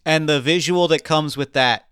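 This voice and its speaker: A man describing a scene on a podcast in a measured, storytelling manner. His voice is smooth and clear, recorded dry and close. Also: a little high, a bit bright, no echo. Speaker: podcast co-host. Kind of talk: casual story brainstorming.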